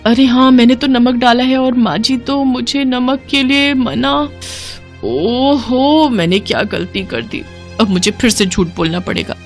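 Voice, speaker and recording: A woman voicing a young daughter-in-law in a cartoon, quick, defensive and excitable. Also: high-pitched, faint music behind, pitched above the performer's own voice. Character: young wife, fibbing, flustered daughter-in-law. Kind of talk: cartoon voice acting.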